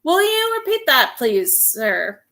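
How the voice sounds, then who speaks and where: A woman's voice: high voice, big pitch swings, takes it slowly, bright, forceful tone, voice pushed up, exaggerated voice. A woman voicing a fussy male clerk on the telephone at city hall, who speaks in a prim, muddled way.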